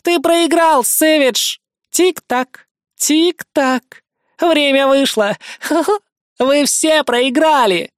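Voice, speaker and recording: A man reading an audiobook voices a vicious armored female cyborg villain who mocks and gloats in a raised, shrill voice. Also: very slow, no echo, studio quality, heavily acted. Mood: gloating.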